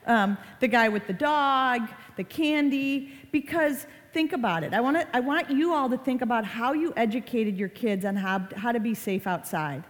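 A woman in her forties speaks to an audience of parents and children, lively and conversational as she acts out little family scenes. Her voice sits a touch high. A long reverb trails behind her, as in a big hall. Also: moderate pace, hardly any pauses. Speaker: child safety presenter. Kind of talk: live presentation to parents and kids.

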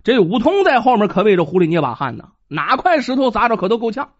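A dramatic storyteller spins a folk tale with a lively, swooping delivery and spoken sound effects. The voice is husky, and the recording is dull and lo-fi. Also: mid-range voice, quick pace. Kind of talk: traditional oral storytelling.

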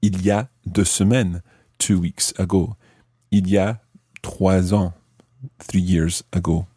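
A man teaches a language lesson at a deliberate pace, his low, clear voice mellow and steady in tone. He goes from explanations to French examples, captured in a dry, close recording.

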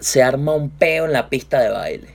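A man's voice: medium pitch, normal speed, creaky. A man with a Venezuelan accent tells an anecdote in casual chat. His talk is packed with street slang and restarts. He slips into the voices of the people in his story. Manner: lively anecdotes full of slang, acts out quoted voices.

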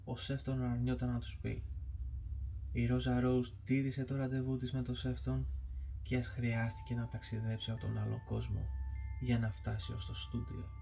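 A man narrating a ghost story from a book, reading in a steady, measured way. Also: mid-range voice, creaky, slight background noise. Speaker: audiobook narrator.

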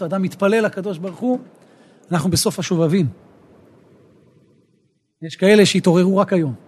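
A rabbi teaching a Torah lesson, an animated storyteller who rises to emphatic outbursts. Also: male voice, sits high, slightly rough.

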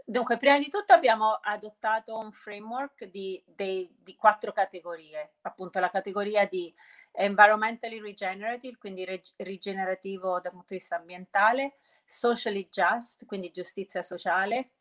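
A woman's voice: medium pitch, moderate pace, a bit bright. A woman answering conversationally in an interview, often restarting and rephrasing, dropping English business terms into her Italian. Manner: hesitant, often restarting and rephrasing mid-sentence. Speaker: interview guest, sustainability entrepreneur.

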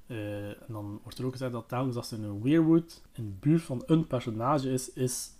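Man, podcast host, casual book retelling, hesitant, lots of fillers, mid-pitched voice. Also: normal speed, dark tone. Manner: hesitant, many fillers, chatty.

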